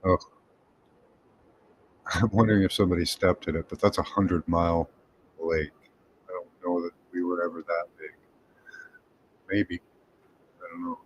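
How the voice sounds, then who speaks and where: Guy with a really deep voice musing over pics, hesitant, lots of hmms. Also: expressive, dull audio, a little hiss or hum. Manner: thinking aloud, tentative, with pauses and hums. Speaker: remote viewing presenter. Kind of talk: musing commentary over images.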